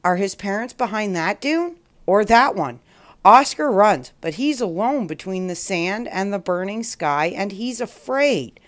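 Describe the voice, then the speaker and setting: A woman hosting a children's story show, reading a picture book aloud in a slow, expressive way. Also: mid-range voice. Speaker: storyteller host.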